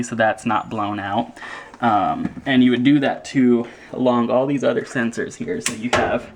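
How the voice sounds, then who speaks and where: A man's voice: mid-range voice, gravelly, background noise. A man casually explaining how he fixed his dryer, hesitant and full of fillers, at home by the machine. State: out of breath. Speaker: homeowner showing a repair. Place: home laundry area, indoors.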